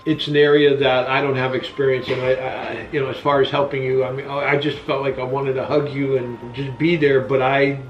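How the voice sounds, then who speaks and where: A man of sixty-eight, a father answering questions in a casual sit-down chat, earnest and halting with many restarts. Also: mid-range voice, level tone, slight background noise. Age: 60s. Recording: echoey, distant, dull room sound.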